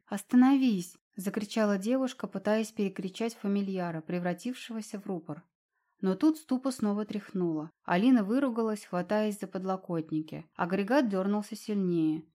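A woman's voice: medium pitch, darkish tone. Woman reading a fantasy audiobook. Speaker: audiobook narrator. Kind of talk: scripted narration.

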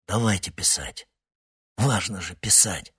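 A man voicing a younger male Soviet doctor in an audiobook, speaking in a raspy, low, pleading whisper. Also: measured pace, fairly bright tone, full character voice. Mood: earnest. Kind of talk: audiobook character voice.

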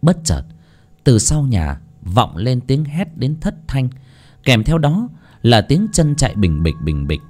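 Expressive male audiobook narrator. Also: medium pitch, slow pace. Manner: dramatic, expressive. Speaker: storyteller.

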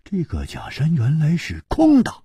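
一位男性说书人，生动地演播武侠小说。. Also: male voice, fairly high pitch, normal speed, husky, no room sound, clean studio sound. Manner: expressive, vivid, lively. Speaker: storyteller. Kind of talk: Chinese novel storytelling narration.

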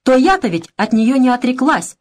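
A woman reading an audiobook, voicing an agitated young woman who defends her friend in shrill, tearful outbursts. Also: very animated, normal speed, a little mellow. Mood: indignant.

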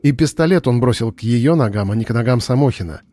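A man reading an audiobook narration in a steady, even storytelling voice. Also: mid-range voice, quick pace. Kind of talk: scripted narration.

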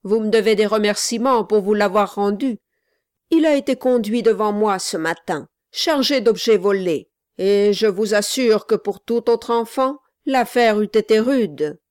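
A woman reading as a stern gentleman magistrate. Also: medium pitch, a little slow, dry recording, studio quality, lightly acted. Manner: stern, curt, lecturing. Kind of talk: audiobook character reading.

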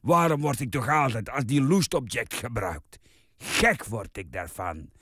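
A man playing a sick, grumpy, self-pitying man in a comic radio sketch, slow and sulky between coughs. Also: mid-range voice, very animated, a bit bright, dry recording, clean studio sound. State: coughing, worn out with flu.

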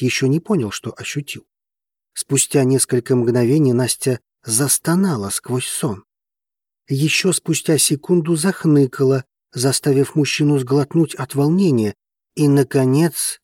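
A man reading a novel aloud as an audiobook narrator, steady and even. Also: mid-range voice, breathy edge, dry recording, studio quality.

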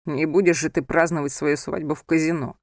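A woman voicing a smug, scheming young man who smirks and lies smoothly in a lowered voice. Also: steady tone, brisk, darkish tone, no room sound, studio quality. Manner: smirking, sly.

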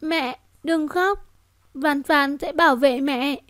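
A woman voicing a small, frightened little girl in an audio story, speaking slowly and haltingly. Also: high-pitched, fairly bright tone, no room sound, studio quality, voice pushed up. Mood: timid. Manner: slow, halting, childlike.

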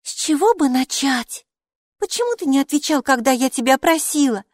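Woman doing a lively six-year-old girl. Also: normal speed, dry recording, clean studio sound. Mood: indignant. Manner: high, eager, indignant child voice.

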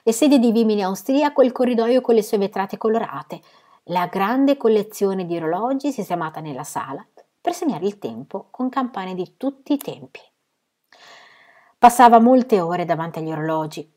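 A woman reading a novel aloud in steady, measured storytelling. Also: medium pitch. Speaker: reader.

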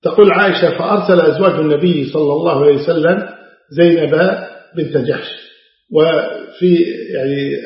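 A middle-aged man giving a religious lecture, retelling old narrations and explaining them in everyday asides. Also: fairly high pitch. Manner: narrates hadith then explains in colloquial Gulf Arabic asides. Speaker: Islamic scholar lecturing. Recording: very echoey dull lecture recording.

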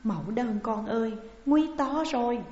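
A woman's voice: a little high, normal speed, dark tone, lightly acted. A woman voicing an anguished noble mother who speaks with anxious, distressed pleading. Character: anguished noble mother, wife of a stern lord. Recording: dull, echoey recording with long reverb.

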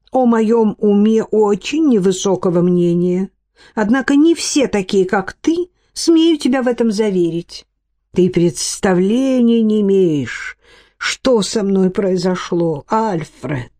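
A woman's voice: mid-range voice, mellow, lightly acted. A woman reading an audiobook, voicing a fussy, emotional middle-aged woman with a plaintive, self-pitying manner.

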